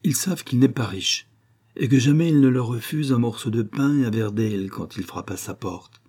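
A man reading a classic adventure novel aloud in measured, scripted storytelling narration. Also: medium pitch, dark tone. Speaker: audiobook narrator.

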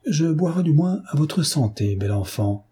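A drunken, swaggering duke, as a male narrator puts him on who pushes his words boldly. The voice climbs above the reader's own and keeps a husky, dark grain. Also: a little high, expressive, a little slow, voice pushed up, exaggerated voice. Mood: leering. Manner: slurring, swaggering.

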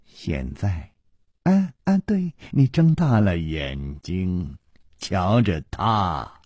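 Man doing a sinister young villain, low hushed threats, very slow delivery, dry close sound. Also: big pitch swings, slightly rough, dry recording, heavily acted. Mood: menacing. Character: scheming young male villain, cold and menacing. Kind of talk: Chinese storytelling radio reading.

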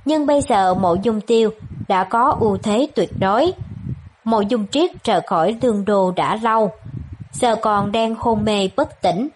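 A woman reads an audiobook at an ordinary middle pitch, with a steady, even storytelling delivery. There is a faint hiss behind her voice. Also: a little slow, low-quality recording. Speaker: audiobook narrator. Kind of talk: scripted narration.

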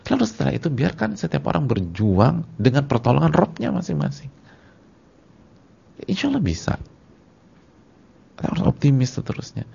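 A man giving a sermon to his congregation in casual slang, repeating words for emphasis and swinging between loud and soft. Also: mid-range voice, big pitch swings, normal speed, creaky, pauses often, breathy edge. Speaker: Islamic preacher. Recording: dull lo-fi lecture recording.

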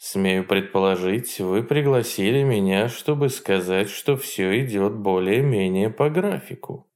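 A mild, soft-spoken security chief who never raises his voice, as a male audiobook reader puts him on. He talks slowly, almost purring, in a low voice. The menace sits under the gentleness. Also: lightly acted. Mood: calm. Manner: slow, soft purring delivery.

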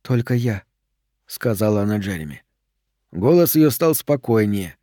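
Reading a novel aloud from a script, this male audiobook narrator keeps a steady, measured storytelling manner. His pitch is fairly low, and the studio-quality recording has no room sound.

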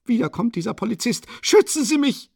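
A shrill frantic proud widow, super high and loud, dry audiobook sound. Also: male voice, moderate pace, dry recording. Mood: shrill indignant. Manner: haughty, shrieking, breathless outbursts.

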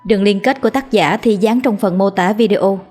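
A woman narrating a ghost story audiobook with calm, even delivery. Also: mid-range voice, a little fast, soft background music.

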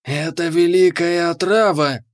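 A man voicing a gruff, scarred male alien lizard arms buyer who hisses his words. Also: fairly high pitch, a little slow, voice pushed up, natural voice. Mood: reverent. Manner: hissing.

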